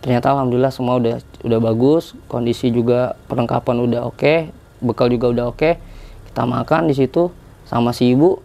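Gravelly, mellow-voiced man telling a story. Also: mid-range voice, fairly even intonation, a little fast. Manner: chatty, rambling, with many filler tags. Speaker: guest telling a hiking story. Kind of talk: casual podcast storytelling.

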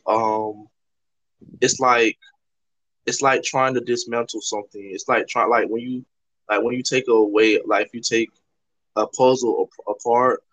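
Here a medium-pitched male voice belongs to a podcast host from Toronto, Canada, who explains ideas earnestly and ramblingly, with plenty of "like" fillers, in casual conversation. The audio is slightly dull and lo-fi, with no echo.

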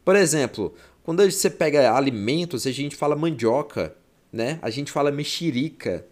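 A young male teacher with a Goiás Brazilian Portuguese accent runs a relaxed exam-prep lesson. He talks in a chatty, slangy way and keeps things playful. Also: a little high, moderate pace.

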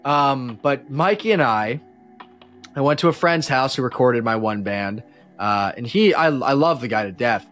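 Chatting as a podcast guest, a man rambles through slangy stories about his life as a musician, with frequent false starts. His mid-range voice has lively intonation and a slightly bright tone at a moderate pace, with faint music behind.

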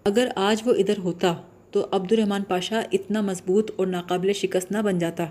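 Earnest young law student girl, read by a woman, insistent, mellow voice. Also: medium pitch, fairly even intonation, close to an everyday voice.

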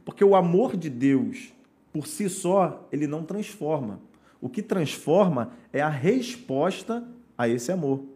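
A man's voice: a little high, lively intonation, measured pace, warm tone. Earnest Brazilian pastor telling his testimony. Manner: earnest, preacherly storytelling. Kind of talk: podcast testimony.

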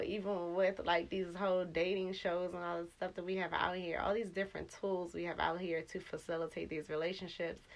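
A woman in her forties telling stories in casual chat, candid, with drawn-out fillers. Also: lowish voice, a bit bright. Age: 40s.

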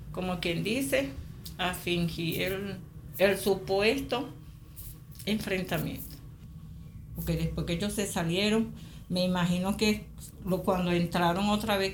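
A middle-aged Venezuelan woman giving spoken testimony as a mother, halting and repeating phrases. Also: lowish voice, reverberant, a little hiss or hum. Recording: interview with music underneath.

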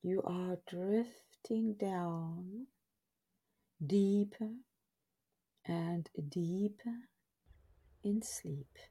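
Very slow, dark, hushed woman guiding relaxation. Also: fairly low pitch, husky. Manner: soothing, hushed, drawn-out phrases with pauses. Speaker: guided relaxation narrator. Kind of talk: scripted guided body scan meditation in a soft, breathy half-whisper.

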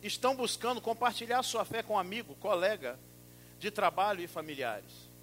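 A middle-aged man preaching a sermon, emphatic, swinging from loud exclamations to soft asides. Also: sits high, normal speed, faint music behind.

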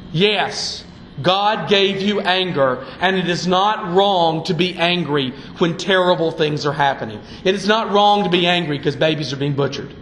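Fiery high-voiced male preacher. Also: fairly bright tone, roomy sound, slight background noise, poor audio. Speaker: pastor. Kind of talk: sermon. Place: church sanctuary.

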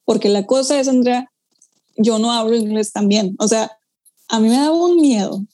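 A young woman, a pianist chatting casually and telling stories with lively quoted asides. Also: fairly high pitch. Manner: animated storytelling, quick asides and acted-out quotes. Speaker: pianist guest. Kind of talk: casual conversation.

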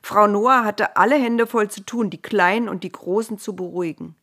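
A woman narrating a storybook in a gentle, expressive way, at times dropping to a whisper. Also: mid-range voice, normal speed.

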